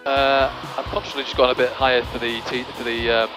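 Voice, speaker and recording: A man's voice: medium pitch, level tone, brisk, over music, rough recording. A man flying as pilot, chatting casually and running checks over a cockpit intercom headset. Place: small aircraft cockpit in flight.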